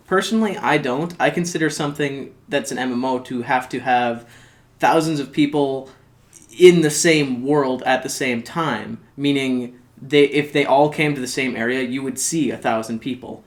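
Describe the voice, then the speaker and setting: A man's voice: medium pitch, moderate pace. A young man co-hosting a casual gaming podcast, opinionated and explaining his views. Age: young adult. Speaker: podcast co-host.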